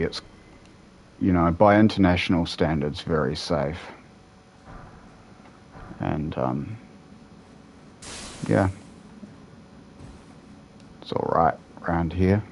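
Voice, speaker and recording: A young New Zealand man streams a game from home, rambling casually as he answers viewers in chat between plays. His voice sits low and moves slowly with frequent pauses, and there's slight background noise.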